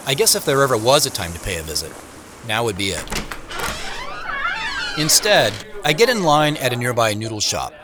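As narrator and lead actor in a produced audio drama, a man plays a harried, self-conscious character, speaking wryly and confidingly in first person with a reflective mood. His natural, medium-pitched voice is sing-song at a normal speed with frequent pauses, under heavy background noise of music and street ambience.

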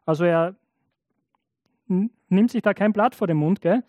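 A man's voice: sits high, unhurried, a little mellow, no room sound, lo-fi sound. A man preaching a sermon in a conversational way, often checking in with the congregation. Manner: acts out biblical and imagined speakers in changed voices.

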